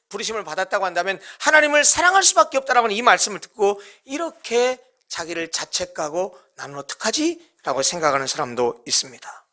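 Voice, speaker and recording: Animated pastor preaching, bright tone, sudden whispered drops. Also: mid-range voice. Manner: dramatic swings from loud to hushed whisper. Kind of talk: sermon.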